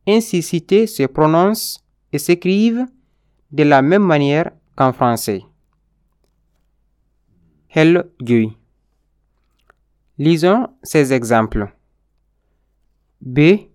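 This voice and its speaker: A man gives a language lesson, spelling out letters and word pairs one at a time. His voice sits a little high for a man. He speaks with very slow, deliberate pacing, pausing after each item. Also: a little mellow. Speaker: language teacher. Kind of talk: slow instructional reading of word lists.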